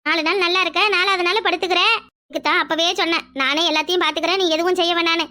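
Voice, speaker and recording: A woman voicing a bossy, sharp-tongued village grandmother in a cartoon. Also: extremely high pitch, steady tone, very fast. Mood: nagging. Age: older. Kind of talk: cartoon voice acting.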